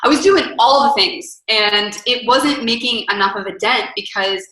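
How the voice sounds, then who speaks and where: A woman's voice: fairly high pitch, normal speed, sharp tone. Earnest woman coach in an echoey room. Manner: earnest, emphatic, speaks in lists. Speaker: wellness coach, podcast guest. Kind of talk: casual interview conversation.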